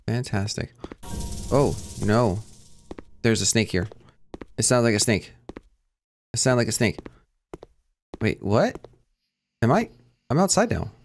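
With a mid-range voice and a touch of hiss or hum in the audio, this let's play gamer narrates a horror game playthrough. He's jumpy, cracks jokes, and answers back to the characters, all over clearly audible game music.

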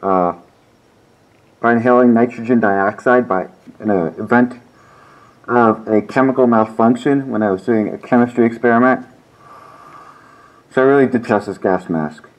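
A man's voice: medium pitch, normal speed, long pauses. Young man muffled through a gas mask. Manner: casual, offhand. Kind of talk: casual vlog talk.

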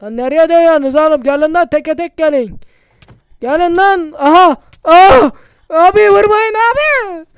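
A man's voice: very high-pitched, normal speed, no echo, studio quality. A man doing casual, chatty gameplay commentary for his channel, muttering to himself and swearing often. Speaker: gaming YouTuber.

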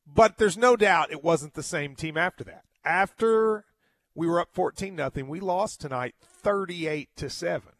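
A man giving an emphatic sports radio monologue, often halting and repeating his words. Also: fairly high pitch, a bit bright, dry recording.

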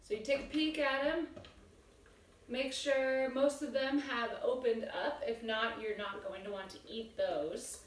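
A woman's voice: on the high side, measured pace, roomy sound, a little hiss or hum. A young woman hosting a casual cooking tutorial in a small home kitchen, chatty and upbeat as she cooks, recorded on a camera mic at a distance. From Washington State. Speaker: cooking show host.

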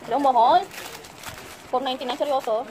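A Filipino woman vlogger in casual, teasing chat, quick to laugh. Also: high-pitched, steady tone, noisy background.

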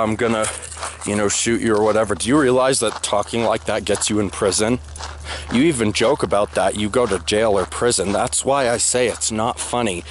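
A man's voice: fairly low pitch, background noise. A young man vlogging outdoors on a walk, talking bluntly and insistently, repeating his points. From United States. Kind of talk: opinionated monologue on a walk. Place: outdoors under open sky. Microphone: handheld camera held low at arm's length.

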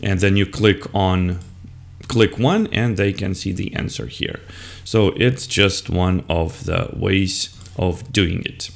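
Slow, low-voiced older male teacher. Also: steady tone, creaky. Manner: explaining steps to other teachers, modelling words and answers. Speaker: English teacher. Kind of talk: screen-recorded lesson walkthrough. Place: indoors at a computer.

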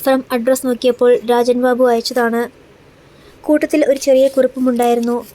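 A woman's voice: on the high side, level tone, normal speed, dark tone. A woman narrating a novel as an audiobook, reading the dialogue in her own voice.

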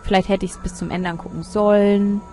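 A woman's voice: mid-range voice, fairly even intonation, brisk, warm tone, soft background music. A woman giving casual gameplay commentary as a let's player, reading game text aloud with chatty, muttered asides.

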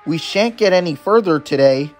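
A man voicing a calm, practical male engine driver in a matter-of-fact way. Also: on the high side, moderate pace, faint music behind, close to an everyday voice. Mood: resigned.

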